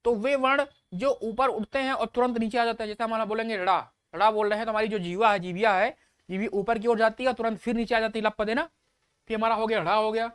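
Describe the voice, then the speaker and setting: A male teacher runs an online exam-prep class in a smooth, clean voice. He repeats key points, asks the class questions and praises the answers. The sound is dry and close, with no room echo. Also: high voice, fairly even intonation, fairly quick, a bit bright. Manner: repetitive, calls students "bhaiya", praises answers.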